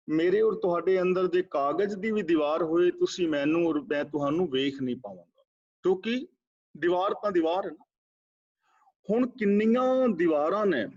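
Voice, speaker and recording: Man expounding scripture over dull audio. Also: fairly high pitch. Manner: measured, slow chanting of verses. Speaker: Sikh scripture teacher. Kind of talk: katha scripture exposition. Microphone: video call. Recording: dull lo-fi online class audio.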